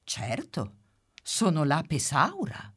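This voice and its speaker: A woman voicing a huge, cheerful prehistoric female bee in a storybook, drawn out and squeaky. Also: wildly swooping pitch, drawn-out words, breathy edge, heavily acted. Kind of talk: storybook character voice.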